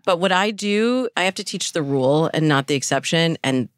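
Speaking briskly in a low voice with lively intonation, a woman offers dating advice as an interview guest, stressing her points conversationally. The studio-quality audio has no echo.

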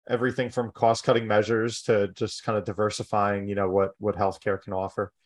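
A male podcast host with a fairly low voice chats casually in an interview. His speech moves along very quickly. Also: flat delivery.

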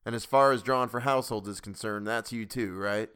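Man reading a formal village official, brisk, crisp, lowish. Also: a bit bright, natural voice. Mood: businesslike. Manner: brisk, formal, calling out names. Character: brisk middle-aged man running the lottery.

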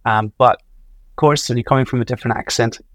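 A man with a blended Donegal Irish accent, giving measured, explanatory answers as an interview guest. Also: medium pitch, fairly even intonation, no echo. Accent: Irish, from Donegal, blended with a second accent. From Donegal, northwest Ireland. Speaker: interview guest, clothing brand co-founder.

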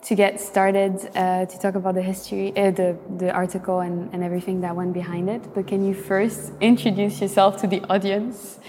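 A woman hosting a live stage interview, asking questions with many ums and pauses. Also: medium pitch, level tone, mellow, big-room sound, slight background noise. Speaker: interviewer, host.

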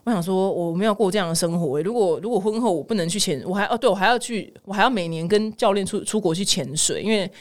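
This podcast host, a woman with a Taiwanese Mandarin accent, runs a casual news show with exclamatory, dramatic delivery, personal tangents and English words sprinkled in. She speaks fast at a medium pitch, barely pausing.

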